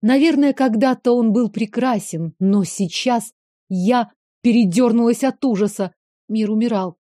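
A woman's voice: fairly high pitch, unhurried, dark tone, no room sound. A woman narrating a first-person fantasy audiobook in a dramatic, emotive reading, recorded on a close mic.

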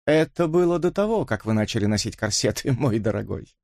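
A man's voice: mid-range voice, animated, a little fast, creaky, a little mellow, no room sound, clean studio sound. A man reading an audiobook, voicing a flippant, mocking young woman who drawls her words. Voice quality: drawling, teasing.

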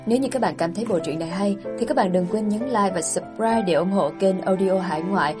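A woman reads a story aloud as a channel's storyteller, in a steady, even manner. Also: medium pitch, brisk, music in the background. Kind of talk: scripted audiobook narration.

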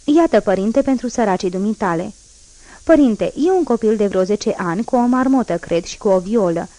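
A woman's voice: mid-range voice, expressive, dark tone, dry recording, close to an everyday voice. A woman voicing a desperate, guilt-ridden middle-aged ex-convict man who pleads and questions urgently, in a storybook reading. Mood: pleading.

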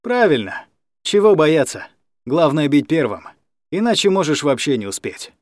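A blunt young tough, as a male narrator plays him, curt and scornful. The delivery is animated and somewhat high, and the sound is dry and close. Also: normal speed, no echo. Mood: calm.

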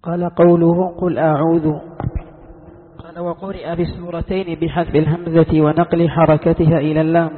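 Guy reading a text out in class, flat and measured, thin phone sound with hall echo. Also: fairly high pitch. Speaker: student reading the text aloud. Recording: tinny phone-like sound in a long-reverb hall.

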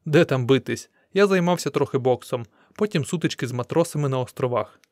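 A man's voice: medium pitch, fairly quick, a little mellow, no echo, studio quality, lightly acted. A man voicing a young male adventurer in a storybook, asking plain, level questions. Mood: modest.

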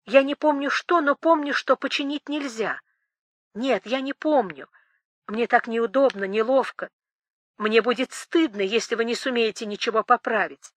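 A woman's voice: a little high, moderate pace, dry recording, natural voice. A woman voicing a timid, frightened woman who speaks in anxious, faltering apologies. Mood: flustered. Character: flustered, guilty, timid woman, easily frightened.

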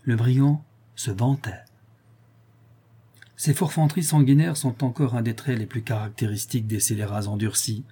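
Un homme lit à voix haute un roman classique, d'une narration posée et régulière. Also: male voice, mid-range voice, steady tone, normal speed, warm tone, husky. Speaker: audiobook reader. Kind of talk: reading a classic novel aloud.

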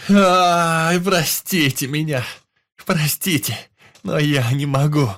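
A man's voice: a little high, slow, pitched above the performer's own voice. A man voicing a despairing, guilt-ridden young male hero who cries out in anguish. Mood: anguished shouting. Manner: anguished shouting.

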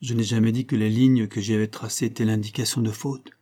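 Stern old-fashioned tutor, read by a man, formal and measured, with a mellow, husky voice. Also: fairly low pitch, level tone, close to an everyday voice. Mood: dry. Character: stern former tutor, grave, reserved man.

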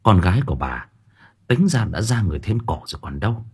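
Expressive male narrator, husky, wide-ranging pitch for a story read. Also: fairly quick. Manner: lively, expressive. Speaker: audiobook narrator.

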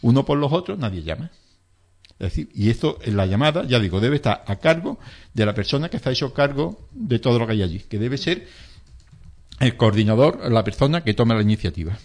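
A man's voice: mid-range voice, big pitch swings, a little fast, darkish tone. A man explaining emergency first aid steps in an interview, emphatic and repetitive, stressing key points. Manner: emphatic, repetitive, acts out panicked bystanders in quotes.

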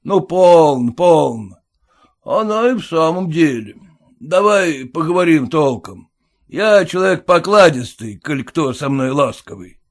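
A crude, overbearing merchant landlord drawls his words slowly and condescendingly, as a male reader acts him out. He sounds tipsy and full of himself. His voice rises and falls widely. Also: fairly high pitch, lively intonation, voice pushed up.

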